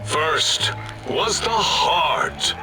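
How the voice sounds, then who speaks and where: A ghoulish mad-scientist robot, highish and extremely slow. He relishes words with dramatic game-style acting over loud music. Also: big pitch swings, heavily acted. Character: gleefully ghoulish male robot-bodied brain scientist. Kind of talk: theatrical video game voice acting.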